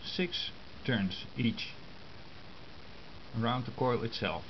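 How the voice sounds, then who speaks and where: Recorded on a compact camera's own mic, this man from the Netherlands sounds dull and muffled, with clear hiss underneath. His mid-range voice moves haltingly, pausing between brief phrases as he casually explains hand-drawn diagrams in a ham radio tutorial.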